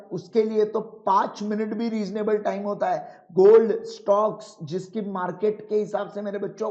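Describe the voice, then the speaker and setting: High-voiced teacher lecturing his students. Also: dark tone. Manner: reads legal rules slowly and with emphasis. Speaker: law teacher. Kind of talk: online exam-prep lecture. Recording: dull lo-fi sound.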